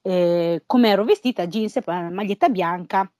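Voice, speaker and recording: A woman's voice: fairly low pitch, moderate pace, a little mellow, no room sound, clean studio sound. A young woman telling stories in a casual group chat, slangy and informal, acting out the dialogue she quotes.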